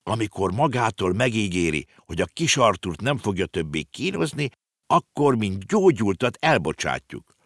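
A man's voice: no echo, clean studio sound. A man voicing an earnest, know-it-all little girl in an audiobook reading. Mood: explaining. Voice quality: high, lively, explaining.

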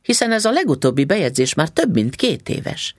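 A man's voice: fairly high pitch, big pitch swings, dry recording, studio quality, voice pushed up. A man voicing a polite, curious young lodger who muses aloud, in a storybook reading. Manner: polite and musing.

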